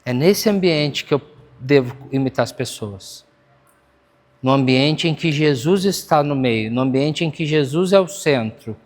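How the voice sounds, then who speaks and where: Earnest high-voiced Brazilian preacher man. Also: animated, measured pace. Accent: Brazilian Portuguese. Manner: earnest, conversational preaching with audience check-ins. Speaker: pastor. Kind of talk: sermon. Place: church. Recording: church hall with long reverb.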